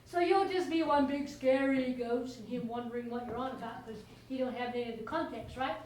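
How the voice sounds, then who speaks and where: On stage, an actress gives a chatty, irreverent middle-aged charwoman a high-pitched, brisk, slightly mellow voice, lightly acted, laughing frequently as she speaks to someone who stays silent. The recording is distant and echoey, with a faint hiss.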